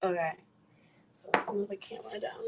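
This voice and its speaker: A woman's voice: mid-range voice, fairly even intonation, moderate pace, background noise. A young adult woman from the Congo talks through a cooking demonstration in a casual, chatty way. Her speech is loose and friendly, full of "like" and "um" fillers as she explains each step. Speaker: cooking guest.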